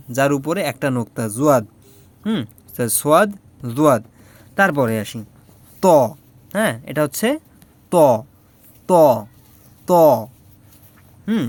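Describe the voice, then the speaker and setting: A man's voice: on the high side, no room sound. A man teaching the Arabic alphabet in a casual spoken lesson, patiently repeating each letter several times with many fillers.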